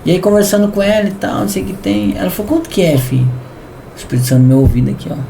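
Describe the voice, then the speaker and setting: A Brazilian man with a Brazilian Portuguese accent, a podcast guest telling a testimony in a lively way, often calling the host "irmão" and acting out dialogue. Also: high voice, very fast, creaky, slight background noise. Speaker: podcast guest, business founder. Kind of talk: animated testimony storytelling.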